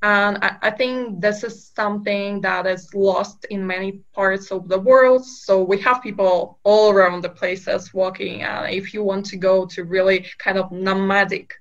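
A woman's voice: medium pitch, steady tone, unhurried, few pauses, highs cut off. A woman from Kazakhstan, a startup co-founder, answering interview questions with many fillers and restarts.

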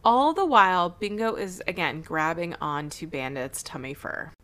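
A woman co-hosting a podcast, recapping a cartoon episode in a casual, animated way with frequent laughs. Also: fairly low pitch. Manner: animated storytelling with laughs and quick asides. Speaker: podcast co-host.

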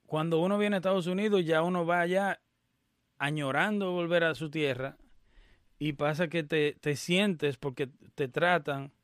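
A man's voice: fairly high pitch, steady tone, normal speed, no echo, clean studio sound. A man giving casual commentary on an interview clip, emphatic and opinionated, stopping to explain and argue his point.

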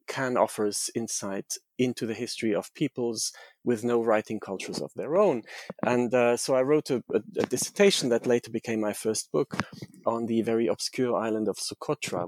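A middle-aged man from Hungary, a history professor, answering interview questions in a thoughtful, halting way with many restarts. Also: medium pitch, darkish tone, no room sound. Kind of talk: academic interview.

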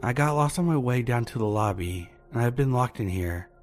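A man's voice: mid-range voice, lively intonation, normal speed, faint music behind, lightly acted. Man voicing a frightened lost child. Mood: scared. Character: frightened lost twelve-year-old child.

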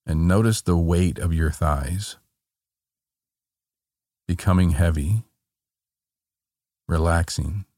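Calm, meditative man with a very low voice. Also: no room sound, studio quality. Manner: gentle, unhurried instruction with short soothing phrases. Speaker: meditation guide. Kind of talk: guided body-scan relaxation.

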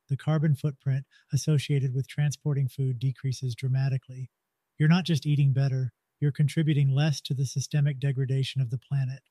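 A man's voice: medium pitch, mellow, no echo. A man hosting a podcast, reading a scripted narration in an earnest, explanatory way. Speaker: podcast host.

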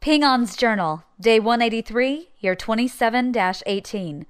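A woman's voice: fairly high pitch, lively intonation, normal speed, clean tone, faint music behind, close to an everyday voice. An actress playing a wry, determined young pirate reading out her journal in an audio drama. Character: bold young woman pirate informant, nervous but determined.

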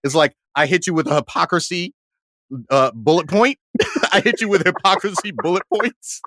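A man's voice: high voice, normal speed, no room sound, studio quality. A man co-hosting a podcast in casual chat, telling stories with lots of laughter and repeated words. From Haiti. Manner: animated storyteller, laughs often, repeats words. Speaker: podcast co-host.

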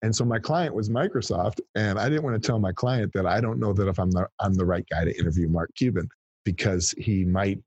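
A man in his fifties, a guest on an interview show, telling animated stories and often repeating the first words of a phrase. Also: fairly low pitch, fairly quick, husky, dry recording, lo-fi sound. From Texas, US. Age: 50s. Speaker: guest, PR firm founder. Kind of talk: storytelling interview chat.

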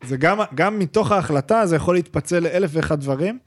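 A young man co-hosting a casual podcast, retelling a story in quick, animated bursts with lots of restarts and slang. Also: fairly high pitch. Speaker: podcast co-host.

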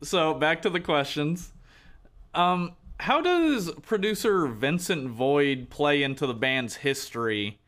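A young man interviews a band over a video call, laughing often between questions. His voice is bright and swoops widely in pitch, and he talks at an unhurried pace. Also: lively intonation. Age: 20s. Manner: laughs often, friendly and giggly.

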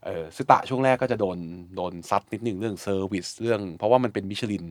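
A man in a casual podcast chat, blunt and animated, swearing lightly and acting out his own reactions. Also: lowish voice, fast talker, no echo, studio quality. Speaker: guest food reviewer.

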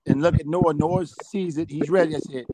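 A man's voice: a little high, fairly even intonation, normal speed, background noise. A middle-aged man telling rambling hunting anecdotes as a guest, often repeating "I said.". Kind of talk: storytelling anecdotes.

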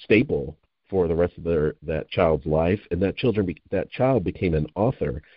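An interview host chats in an enthusiastic, rambling way during casual interview talk. His low voice is husky, his pace moderate, and there's no echo, though the audio is dull and lo-fi.

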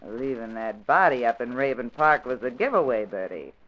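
An actor playing a tough, cagey waterfront smuggler with hard-boiled gangster slang in a vintage radio drama. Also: male voice, medium pitch, lively intonation, normal speed, a bit bright, natural voice. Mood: cagey, irritated. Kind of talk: 1930s-40s radio crime drama acting. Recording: dull old radio recording.

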